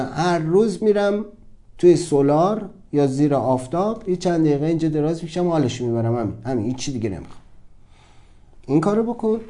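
A young adult man with a fairly high but dark, mellow voice, talking earnestly about mindset and dreams. He speaks urgently and repeats himself for emphasis, like a casual motivational talk.

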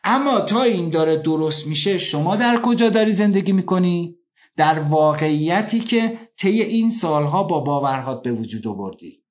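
A man giving an earnest self-help talk, slowing down to stress points and acting out everyday scenes in quick bursts. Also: on the high side, animated. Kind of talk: motivational talk.

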